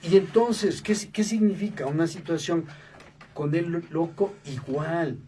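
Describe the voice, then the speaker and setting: Sitting in a radio studio as a guest, this man narrates stories with animation, performing the voices of those he quotes and ending remarks with "¿no?". He speaks unhurriedly in a voice on the high side, a crowd audible behind him, while the distant mic picks up faint background noise.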